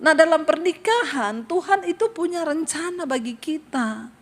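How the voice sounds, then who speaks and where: Middle-aged woman preacher, higher voice, comic lively delivery, acts out quotes. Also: moderate pace. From Sulawesi. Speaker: pastor. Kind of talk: humorous sermon.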